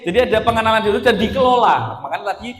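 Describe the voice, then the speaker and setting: Lively Javanese-accented male presenter, echoey hall. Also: high-pitched, very fast. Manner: lively, jokey, mixes in local Javanese phrases. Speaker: teacher presenting a training session. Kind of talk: workshop presentation to teachers. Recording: echoey hall with long reverb.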